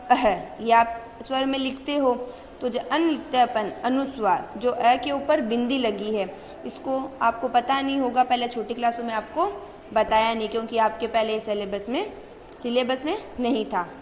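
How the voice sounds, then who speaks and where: Woman teacher, Rajasthani Hindi accent, asks and answers her own questions; bright high voice recorded in a reverberant room. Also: a little hiss or hum. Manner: asks questions and answers them herself, drawn-out stresses on key terms. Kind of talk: classroom grammar lesson. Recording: echoey room with faint ambience.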